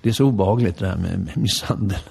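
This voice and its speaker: Older man, gravelly husky voice. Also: low-pitched. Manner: animated storyteller, acts out remembered dialogue. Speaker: actor, interview guest. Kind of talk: casual interview conversation.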